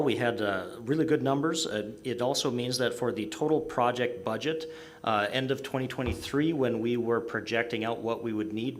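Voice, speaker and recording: A man gives a report at a public meeting. His voice is fairly low, and he explains in measured, technical phrases. Faint room noise sits behind him. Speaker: project staff presenter.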